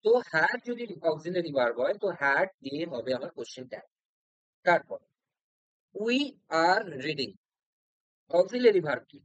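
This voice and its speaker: A man's voice: on the high side, dry recording, dull audio. A man teaching an exam-prep English grammar lesson, patient and repetitive, often checking in with the listener. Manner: patient, repeats points and checks in with "okay?".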